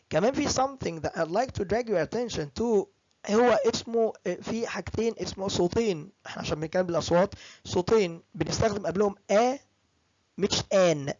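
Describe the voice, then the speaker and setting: An English lecturer with an Egyptian Arabic accent, explaining grammar in a recorded lecture. The lecturer switches between Arabic and English and repeats examples slowly and often. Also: mid-range voice, darkish tone, no room sound. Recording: dull, dry lo-fi recording.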